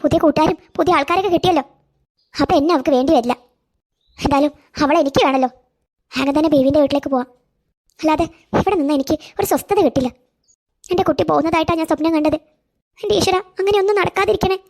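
Brief: woman voicing a fretful old cartoon grandma, slow and doting, fairly high voice. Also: darkish tone. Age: older.

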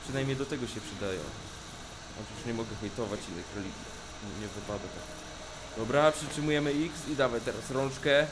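A young man casually commenting on a video game as he plays, cracking jokes, swearing often and shouting at the screen when things get tense. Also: medium pitch, fairly quick, noisy background. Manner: jokey, swears a lot, yells at the screen in tense moments. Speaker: let's play gamer. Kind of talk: casual let's play commentary.

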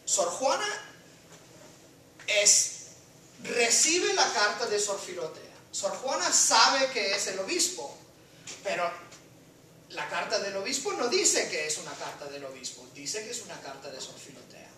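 Lecturing and quizzing a class, a woman teacher keeps asking "right?", reads passages aloud, and drops into English. She speaks at medium pitch, very animated, a little slow, in a pushed, bright voice. The recording is an echoey, distant classroom with a little hiss or hum.

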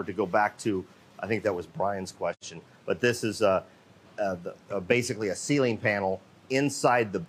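A man guides viewers through a cabinet workshop on a live show. He holds a microphone and talks off the cuff, with a relaxed lower voice and plenty of "uh"s and restarts along the way. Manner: off-the-cuff, chatty, many fillers and restarts. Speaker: host of a live company show. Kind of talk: unscripted live walkthrough. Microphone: handheld microphone.

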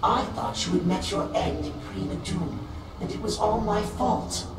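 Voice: mid-range voice, moderate pace, noisy background. An actor voicing a chatty, malfunctioning navigation robot in a video game, booting up and shutting down in a formal, salesy announcer tone. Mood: relieved. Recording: very echoey, distant game audio with music. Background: game music.

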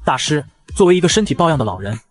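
A man's voice: on the high side, very animated, rapid-fire. A man voicing a grave old clan patriarch. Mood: solemn. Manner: solemn, courteous. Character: frail elderly male clan patriarch, grave and formal.

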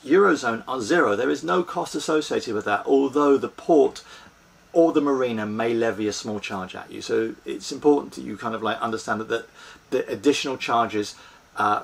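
A man's voice: mid-range voice, gravelly, breathy edge. A man in his forties, seated in a small sailboat cabin, earnestly explains practical tips to a fixed camera close by. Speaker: sailing vlogger. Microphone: fixed camera at close range.

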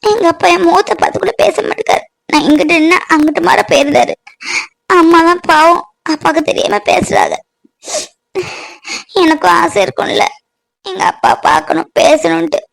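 A woman's voice: fairly high pitch, fairly bright tone, dry recording, lightly acted. A woman voicing a homesick young wife in a cartoon, speaking in a way, pleading and tearful, then brushing it off. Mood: sad. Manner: emotional, pleading, then covering up with brisk denials. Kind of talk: cartoon voice acting.

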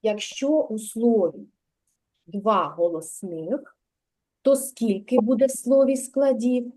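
A woman's voice: on the high side, fairly even intonation, measured pace, warm tone. A woman kindergarten teacher leading a literacy lesson for young children, patient, drawing out her praise and prompting questions.

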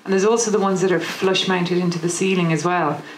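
A woman in her thirties with an Irish accent gives a practical design presentation to a live audience, speaking into a handheld microphone in a kitchen showroom. Her voice is fairly low, brisk, and fairly even, peppered with "you know," and the roomy space carries faint noise.

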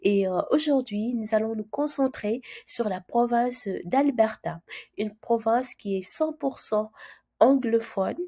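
An immigration channel host, a French native speaker, shares her screen to casually explain a website. She's chatty but hesitant, full of fillers and restarts, and because she has a cold she speaks softly, giving her mellow, dark voice a husky edge.

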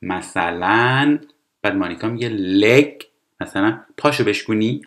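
A man teaching English, explaining TV dialogue line by line and reading English phrases slowly and carefully. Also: deep voice. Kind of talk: language lesson explaining TV dialogue.

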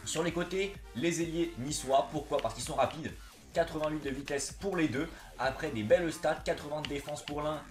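A young man with a slightly slushy lisp on his s sounds chats casually and slangily, gaming-YouTuber style, for a gaming vlog. His voice is on the high side at a moderate pace, and he sits on a couch in a small indoor room that echoes, with soft music in the background.

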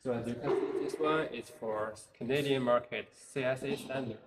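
A man's voice: mid-range voice, normal speed. A young man giving a scripted product demonstration as a company presenter in a factory hall. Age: young adult. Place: large industrial hall, indoors. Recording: echoey factory with background noise.

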